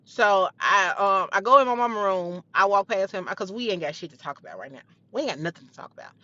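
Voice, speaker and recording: A woman's voice: medium pitch, expressive, fast talker, sharp tone, no room sound, lo-fi sound. A young woman telling a heated personal story in a blunt, profane, casual way.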